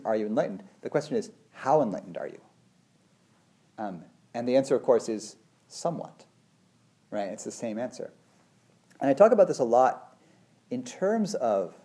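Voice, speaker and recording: Talking casually, a forty-something meditation teacher meanders through his thoughts, peppering them with "you know" and "like." His voice is mellow and medium-pitched.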